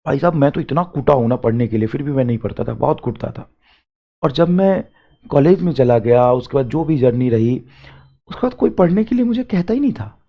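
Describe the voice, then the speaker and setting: A young man teaching and giving a motivational talk to exam students, emphatic, repeating phrases and swinging between loud urging and quiet asides. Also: medium pitch, highs cut off.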